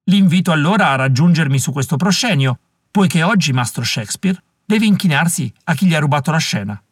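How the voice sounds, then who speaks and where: A man's voice: fairly high pitch, lively intonation, a little fast, husky, no room sound, studio quality. A man voicing an elderly, elegant male theatre impresario in an audiobook, speaking in florid, theatrical oratory. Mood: grandiloquent.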